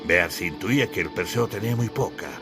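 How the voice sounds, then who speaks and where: Speaking a little fast, a deep-voiced man reads an audiobook with solemn, literary gravity and a declamatory sweep to his lines. Music can be heard clearly behind him.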